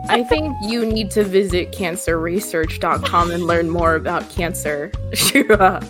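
A woman's voice: on the low side, a little slow, over music. A woman on a tabletop game podcast chatting casually, teasing the others and laughing often. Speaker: podcast player.

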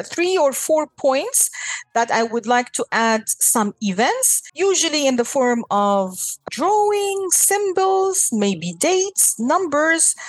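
A woman with a high voice walks through a classroom activity step by step. She talks in a measured way, with fillers and restarts along the way. The recording is dry, with no room sound. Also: no echo, poor audio. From Egypt. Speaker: guest teacher.

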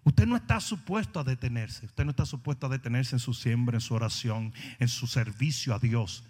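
A man preaching a sermon, animated storytelling that rises to shouting. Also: mid-range voice, a little fast, breathy edge. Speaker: pastor. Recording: long hall reverb.

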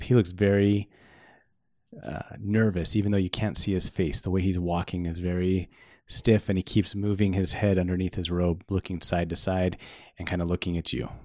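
A man's voice: low-pitched, darkish tone. A middle-aged man running a family tabletop game as game master, patiently guiding and explaining the rules to his kids.

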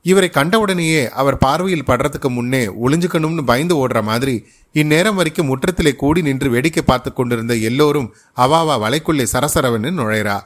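A man narrating a short story as a podcast storyteller, in a steady, measured reading. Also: mid-range voice.

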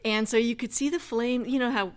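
A woman's voice: a little high, steady tone, brisk. Woman, 30s, casual storyteller, wry, conversational, with plenty of asides. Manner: chatty, wry, with asides and fillers. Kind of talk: personal anecdote told casually.

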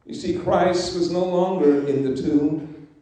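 A man preaching in a slow, measured sermon, leaning on dramatic pauses. His voice is fairly high for a man yet warm and mellow, and it rings out through a very echoey hall. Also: fairly even intonation.

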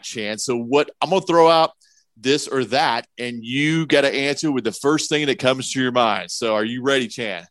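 A man hosting a casual talk show, upbeat and playful as he asks quick questions. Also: mid-range voice, a bit bright, dry recording. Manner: upbeat, playful quiz asker. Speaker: host.

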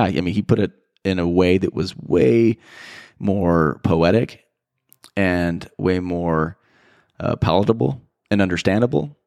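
Deep-voiced guy rambling thoughtfully on his podcast, lots of restarts, dry close sound. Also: darkish tone, no echo. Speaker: podcast host. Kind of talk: casual reflective monologue.

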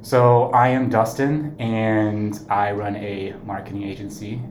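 A young man from Ohio hosting a casual podcast chat, easygoing and quick to laugh. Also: fairly low pitch, flat delivery, a little mellow. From Ohio, USA. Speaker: podcast co-host, marketing agency owner. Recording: roomy, faint background noise.

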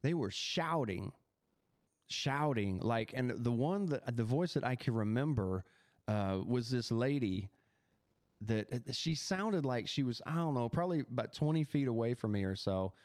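A man's voice: mid-range voice, normal speed, dry recording, studio quality. Man telling a dramatic personal testimony. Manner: animated storytelling with many restarts. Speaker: podcast host.

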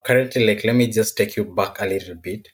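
A man's voice: on the low side, fairly quick, breathy edge. A man from Kenya with a Kenyan accent, giving casual, somewhat hesitant answers as a podcast guest. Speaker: podcast guest, technology professional.

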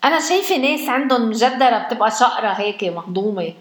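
Casting: Lebanese daughter, young adult woman, fairly high pitch, playful, inquisitive, informal chat. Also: lively intonation, fast talker. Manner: playful, teasing, questioning. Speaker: daughter on a call with her mother. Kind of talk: casual family phone chat.

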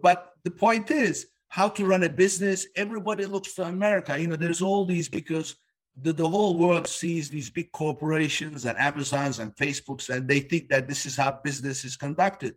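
A man from Turkey talks business in a casual conversation, hammering his points home by repeating words. His voice sits a little high for a man. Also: fairly even intonation, fairly quick. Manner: emphatic, repeats key words.

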